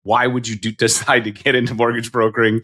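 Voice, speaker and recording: A man's voice: medium pitch, little pitch movement, fast talker, pushed and bright. A man in his fifties hosting an interview, chatty and self-deprecating, asking rambling questions. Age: 50s. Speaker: podcast host. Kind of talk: casual interview.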